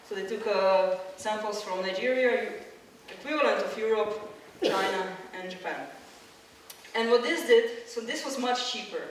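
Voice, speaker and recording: A woman's voice: a little high, a little hiss or hum. Woman lecturing in an echoey hall. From Croatia. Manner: explanatory, with many fillers and restarts. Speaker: science lecturer. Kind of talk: public science talk with slides. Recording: echoey hall, mic at a distance.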